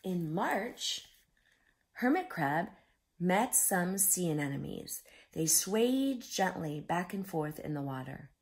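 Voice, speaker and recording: Lady doing kids storytime, really slow n sing-song up and down, bit of creak, explains stuff simply. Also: fairly low pitch, very animated. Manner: explains simply, with drawn-out emphasis. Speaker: children's story reader and teacher. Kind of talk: expressive read-aloud storytelling for young children.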